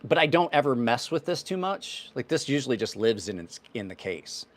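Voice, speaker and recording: This knife channel host, a man in his fifties, has a sing-song, mid-range voice at normal speed. During a casual livestream chat, he answers viewers' questions in a loose, rambling, offhand fashion.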